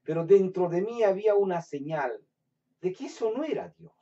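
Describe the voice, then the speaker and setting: A preacher from Latin America giving a sermon with personal testimony, swinging between loud, emphatic bursts and hushed storytelling. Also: male voice, high-pitched, animated, moderate pace. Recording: distant, dull lo-fi sound.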